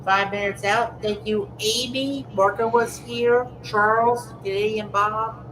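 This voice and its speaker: A man's voice: high-pitched, fairly even intonation, takes it slowly, noisy background. A man co-hosting a casual livestream, mostly giving short interjections and reading out names from the chat. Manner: brief interjections and chat read-outs. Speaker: co-host.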